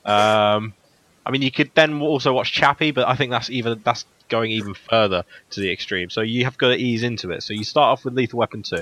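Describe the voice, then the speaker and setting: Male podcast co-host, bright tone, loose and profane banter. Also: medium pitch, brisk. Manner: joking, swears freely. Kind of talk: casual chat.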